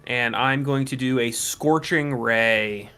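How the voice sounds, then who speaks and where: Bright-voiced man explaining his moves. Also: medium pitch, slow pace, clean tone, faint music behind. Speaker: tabletop game player. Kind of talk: casual tabletop game talk.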